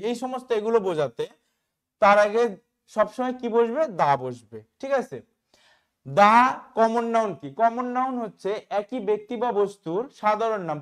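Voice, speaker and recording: A man's voice: high voice, smooth. Man, teacher from West Bengal, grammar lesson, answers his own questions, keeps checking "okay?". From West Bengal, India. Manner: asks questions and answers them himself, often checks "okay?". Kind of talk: explaining grammar in a class video.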